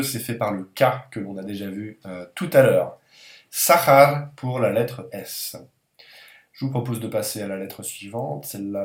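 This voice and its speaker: A man's voice: medium pitch, reverberant. A man giving a patient, reassuring language lesson, spelling words out letter by letter. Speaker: language teacher. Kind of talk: video lesson on the Russian alphabet.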